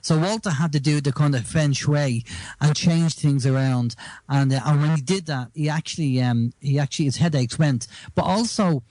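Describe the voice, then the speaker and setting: A man from Ireland, a guest on a radio show, with a somewhat high voice and a dry, close sound. He explains things by telling stories in casual conversation. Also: moderate pace, darkish tone, no echo. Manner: storytelling, explanatory.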